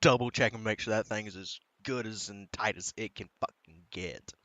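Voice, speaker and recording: A man's voice: lowish voice, moderate pace, pushed and bright, muffled recording. A man playing a tabletop game who talks casually and swears freely. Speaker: player.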